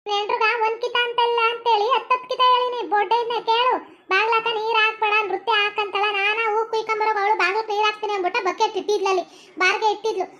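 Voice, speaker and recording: A woman acts out a domineering older mother-in-law in a comedy skit, scolding her family in a North Karnataka Kannada accent. The voice sits very high and sounds bright and sharp. She talks fast. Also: level tone. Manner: bossy, scolding.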